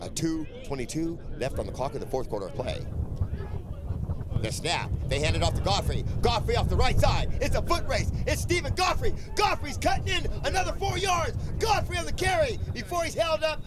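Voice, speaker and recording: A man's voice: very high voice, animated, fairly quick. A man giving live play-by-play American football commentary in an emphatic way, repeating his phrases. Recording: outdoor field with loud crowd behind. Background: crowd and outdoor field noise.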